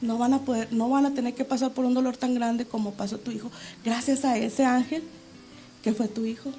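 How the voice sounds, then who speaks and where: A woman with a high voice tells her religious testimony as a guest on an interview show. She speaks with fervor and reenacts her pleas to God aloud. She sounds middle-aged. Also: fairly even intonation, fairly quick, dark tone, faint music behind.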